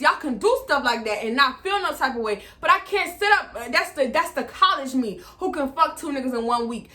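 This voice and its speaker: A woman, with a high, bright voice. She talks in an animated, profane way and acts out her side of arguments as she goes. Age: 20s. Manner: animated, profane retelling with re-enacted dialogue. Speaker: vlogger. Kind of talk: storytime vlog.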